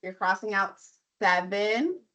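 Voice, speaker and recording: Bright-voiced woman teacher, losing her voice. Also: mid-range voice, expressive, slow. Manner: walks through steps, quizzing the class. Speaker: math teacher. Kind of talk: classroom lesson. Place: classroom.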